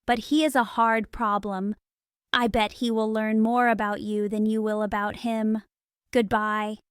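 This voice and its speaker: A friendly young man explaining things plainly, read by a woman in an audiobook. The voice is clear and smooth, a little high, and recorded close and dry. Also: flat delivery, a little slow, no room sound, close to an everyday voice.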